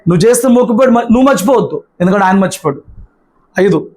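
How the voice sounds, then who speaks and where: A man's voice: high-pitched, expressive, fast, darkish tone. A pastor preaching a sermon to his congregation, emphatic and repetitive, firing rhetorical questions one after another.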